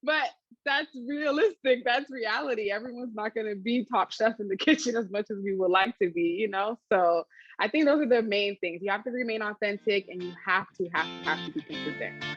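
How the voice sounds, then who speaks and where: Chatty woman, laughing and animated. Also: medium pitch, fairly quick, dull audio, soft background music. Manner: chatty, animated, laughs often, many fillers. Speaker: interviewee, food channel creator. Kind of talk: casual interview answers.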